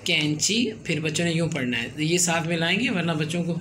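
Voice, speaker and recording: A woman's voice: low voice, animated, brisk, noisy background. A woman explaining a children's writing lesson step by step, counting letters aloud and checking in often. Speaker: teacher.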